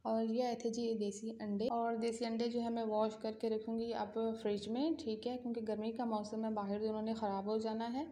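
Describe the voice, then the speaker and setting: A woman's voice: on the high side, flat delivery, moderate pace, few pauses, warm tone. A young Pakistani woman with a Pakistani Urdu accent, chatting casually with viewers in a home vlog. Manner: chatty, talks straight to viewers. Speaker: vlogger. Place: home room. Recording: echoey room, faint ambience.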